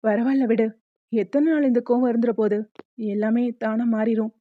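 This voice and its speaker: A woman voicing a gentle young husband in a cartoon, soothing and patient. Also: on the high side, fairly even intonation, fairly quick, dry recording, phone-quality sound, natural voice. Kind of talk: cartoon voice acting.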